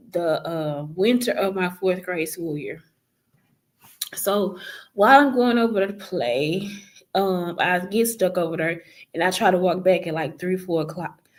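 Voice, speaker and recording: Rambling woman telling her story. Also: on the low side. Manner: rambling, with many fillers and self-corrections. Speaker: vlogger recounting her life story. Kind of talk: casual first-person storytelling.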